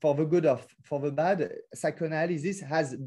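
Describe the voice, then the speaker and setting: Man, French accent, fairly high, mellow voice; hesitant academic webinar lecturer, filler-heavy, careful non-native phrasing. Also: steady tone, normal speed. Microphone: video call.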